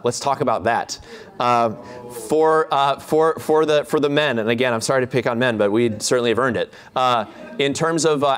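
A man's voice: mid-range voice, clear, resonant tone. A man giving a keynote lecture on a hall stage, chatty and jokey, with many fillers and restarts. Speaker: keynote speaker, instructor.

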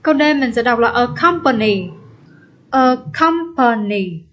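A woman teacher explaining an exam step by step, repeating example words slowly and patiently. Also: fairly high pitch, expressive, fairly bright tone, lo-fi sound. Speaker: English teacher. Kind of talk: exam-prep lesson.

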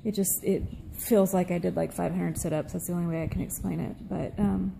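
A middle-aged woman giving a casual update to camera, sounding tired, subdued and weak after surgery, with a gravelly, low-energy voice. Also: fairly even intonation, fairly quick, warm tone, a little hiss or hum, poor audio. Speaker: vlogger. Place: small room at home, seated indoors. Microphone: phone at arm's length.

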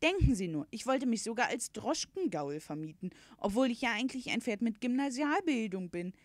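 A courteous, well-educated talking horse from a storybook, raised in pitch and formal in every phrase, as a woman reads him. He speaks loudly and carefully, with dry, close sound. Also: sing-song, fairly quick, no echo. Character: polite, well-educated, unemployed male circus horse.

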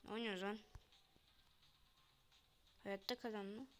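A woman's voice: medium pitch, steady tone, a little slow, fairly bright tone, slight background noise. A young woman chatting casually to viewers while she plays a game, muttering to herself between lines. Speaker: gamer vlogger. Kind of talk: casual gameplay commentary.

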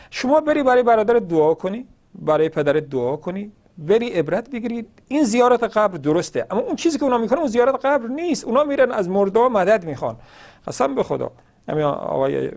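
Guy hosting a religious call-in show, high voice swinging all over the place, argues hard, fires off rhetorical questions. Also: creaky, a little mellow. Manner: argumentative, rhetorical questions, acts out quoted dialogue. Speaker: religious TV host answering callers. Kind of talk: impassioned call-in religious talk.

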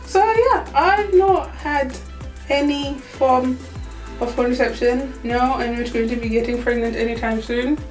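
Speaking at a measured pace in a high voice, a twenty-four-year-old vlogger chats candidly to a camera on a tripod in a small indoor room, with plenty of fillers and frequent laughter. The poor audio sounds roomy, with faint music behind her.

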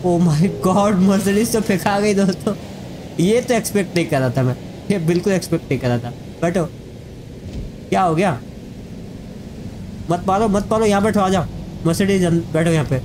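A man giving chatty let's-play commentary, talking straight to his viewers as friends. His voice runs high for a man, and steady game noise sits clearly under it. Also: moderate pace, pauses often. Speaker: gaming YouTuber.

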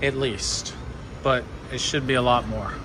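A man's voice: mid-range voice, unhurried, noisy background. A man giving casual live gambling commentary, coaching in short bursts, counting along and urging the game on. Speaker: slot machine vlogger coaching a friend. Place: indoor casino floor at a slot machine. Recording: music playing in a busy casino. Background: loud casino machine music.

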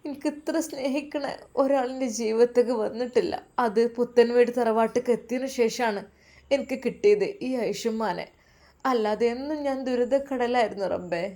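A woman's voice: fairly high pitch, normal speed, dark tone, voice pushed up, close to an everyday voice. A woman doing a tearful, downtrodden young woman. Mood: sorrowful pleading. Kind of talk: storytelling voice acting.

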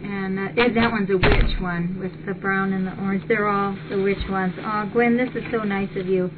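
An older woman hosting a live webcam stream from a cat rescue shelter chats casually and appreciatively, reading things aloud in a steady, medium-pitched voice at a moderate pace. A distant fixed webcam in the large indoor cat room picks her up, so the audio is muffled and noisy.

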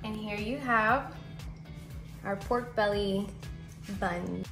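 A woman hosting a casual home cooking vlog, chatty and excited, tasting and explaining as she goes. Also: medium pitch, slow pace, gravelly. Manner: excited, chatty, lots of mm sounds. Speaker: cooking channel host. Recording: roomy room with background music.

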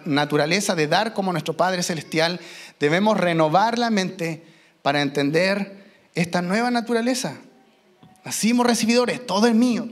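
A man, preaching a sermon as pastor, emphatic and slowing down for key phrases. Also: high voice. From Chile. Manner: emphatic, slows down for key phrases, mimics children. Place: church.

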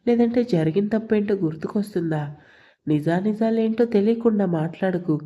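A woman's voice: mid-range voice, fairly quick, natural voice. A woman voicing a short-tempered young man who is a film star, speaking curtly in a storybook reading. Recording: dull lo-fi recording.

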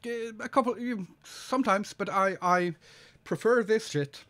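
A man in his forties with a high, somewhat bright voice draws live at his home studio desk, chatting casually with his audience and reading out the chat. Slightly sick and sniffly, he talks slowly and musingly, hesitating often with lots of fillers.

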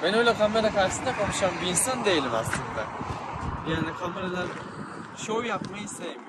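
A man's voice: high-pitched, expressive, a little fast. A young man from the Kayseri region of Turkey, chatting casually for a vlog outdoors by a mountain road. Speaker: motorcycle vlogger. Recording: loud wind and road noise outdoors.

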